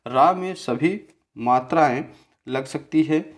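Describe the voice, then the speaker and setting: A man teaching a grammar lesson over a slide, explaining step by step and often checking in with his listeners. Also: a little high. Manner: slow, repetitive, checks in with "theek hai"; spells out syllables slowly.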